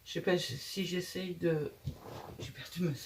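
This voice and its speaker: A woman's voice: on the low side, steady tone, unhurried, vocal fry, darkish tone, a little hiss or hum. A woman hosting a casual craft tutorial, chatting and thinking aloud as she works, with frequent hesitations.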